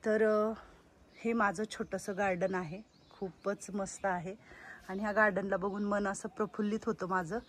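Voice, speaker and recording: A woman giving a casual walk-around vlog of an old age home she runs, chatting and loudly coaxing the residents. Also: mid-range voice, steady tone, normal speed.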